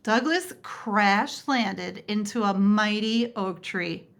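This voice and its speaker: A woman reading a picture book aloud with expressive storytelling. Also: mid-range voice, slow, creaky. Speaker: storybook reader.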